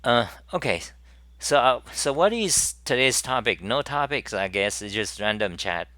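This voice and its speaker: A man's voice: mid-range voice, big pitch swings, unhurried, sharp tone, dry recording. A man hosting his own casual live-stream talk show, speaking in a rambling way with many fillers and restarts. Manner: reads viewer chat messages aloud.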